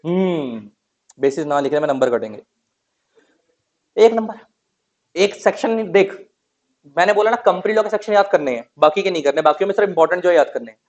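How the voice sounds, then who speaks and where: A man with a high, expressive voice teaches law in a classroom, speaking a little fast and pausing often. He is chatty, mixes Hindi with English terms, and poses questions to students that he answers himself.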